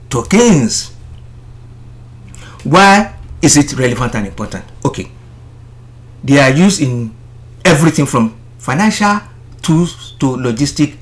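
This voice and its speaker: A man's voice: medium pitch, fairly bright tone. Emphatic man explaining finance. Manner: emphatic, repeats key points, stresses words. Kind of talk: explainer video narration.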